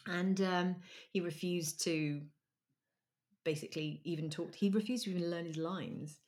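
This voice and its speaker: Giggly chatty woman, lowish voice. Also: steady tone, measured pace, a little mellow. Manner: chatty, giggly, trails off with ums. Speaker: podcast host. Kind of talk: casual chat about music.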